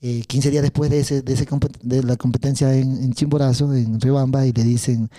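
A man with an Ecuadorian Spanish accent, a coach telling a story in an interview, acting out the dialogue. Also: mid-range voice. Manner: acts out dialogue, laughs often, quick and lively. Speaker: athletics coach.

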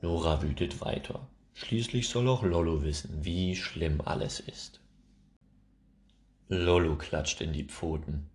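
A man reading a children's story aloud, expressive and measured. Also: very deep voice. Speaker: narrator.

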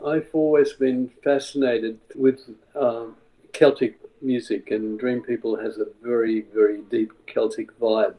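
A man's voice: medium pitch, steady tone, unhurried, dark tone, poor audio. A man from the Czech Republic, a songwriter guest explaining his music in a thoughtful, rambling way. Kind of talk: casual interview.

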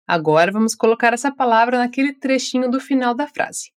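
A woman with a Brazilian accent teaching English, giving slow, carefully articulated model phrases for learners to repeat. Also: a little high, animated. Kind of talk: scripted language lesson.

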